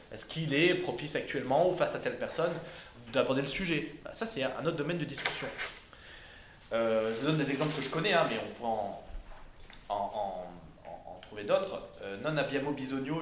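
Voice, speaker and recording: Man, informal talk to an audience, halting with fillers, roomy echo, faint background noise. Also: mid-range voice, fairly bright tone. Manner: hesitant, many fillers and restarts. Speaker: speaker giving a talk. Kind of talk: informal lecture to a live audience. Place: indoor room with listeners. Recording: echoey room, faint ambience.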